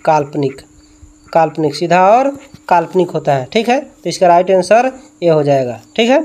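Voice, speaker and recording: A man's voice: high voice, warm tone. A male tuition teacher going through exam questions, repeating each answer and quizzing with rhetorical questions.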